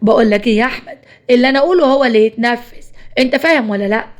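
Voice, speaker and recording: A bossy, possessive Egyptian mother-in-law who scolds everyone around her, as a woman reads her part. She talks fast on a fairly high voice. It is a spoken family story. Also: lightly acted. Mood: scolding.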